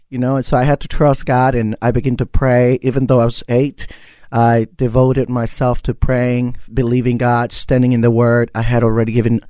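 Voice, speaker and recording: Earnest pastor from Costa Rica. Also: male voice, medium pitch, mellow, clean tone, no echo. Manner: earnest, storytelling, many fillers. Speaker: guest pastor. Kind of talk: radio interview testimony.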